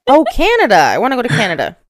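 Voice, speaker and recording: A young woman co-hosts a casual podcast chat with a lively, bouncing voice. She laughs often and talks in an animated way. The sound is dry and close to the mic. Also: a little high, rapid-fire, no room sound. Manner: animated, laughs often, shrieks when amused. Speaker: podcast co-host.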